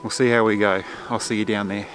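A man's voice: fairly low pitch, flat delivery, fast, music in the background. A man in his forties, a photographer explaining his shoot in a chatty vlog to a handheld camera outdoors. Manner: chatty, explanatory, with frequent fillers. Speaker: landscape photographer. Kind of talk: casual vlog narration to camera. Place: outdoors in a forest and on a gorge lookout. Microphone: camera mic at arm's length.

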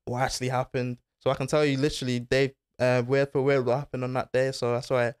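A young footballer appears as a podcast guest, chatting in a laid-back way packed with slang like "bro" and "innit." His mid-range voice is flat, fast and smooth, captured cleanly on a desk mic on an arm in a small foam-paneled studio with no room sound.

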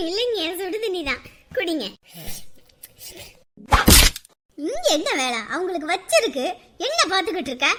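A woman's voice: very high voice, sing-song, a little fast, heavy background noise. An actress playing a bustling mother who scolds her child and fusses over her guests. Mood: fussing.

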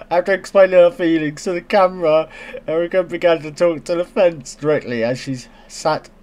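A man's voice: on the high side, moderate pace, darkish tone. A man commenting casually on a news story, joking sarcastically and often stumbling over words as he reads aloud. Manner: giggly, sarcastic, stumbles while reading aloud.

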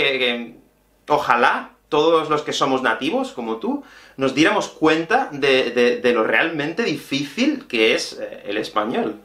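Speaking in a mid-range voice with a Peninsular Spanish accent, this man in his thirties from Spain hosts a video language lesson as a Spanish teacher. He explains things expressively and talks directly to viewers. The small room with its whiteboard and bookshelf gives the recording an echo.

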